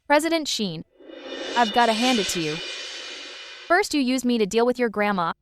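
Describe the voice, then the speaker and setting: A woman's voice: fairly high pitch, sing-song, moderate pace, faint music behind. A woman playing a sardonic, hurt young designer in an English-dubbed drama, with an emphatic delivery. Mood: indignant.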